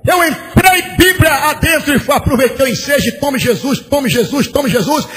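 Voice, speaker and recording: High-voiced preaching man, shouting in a reverberant church. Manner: preaching with sudden shouts and sing-song cadence, acting out dialogue. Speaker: pastor. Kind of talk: sermon. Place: large church. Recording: old church recording with long hall reverb and faint hiss.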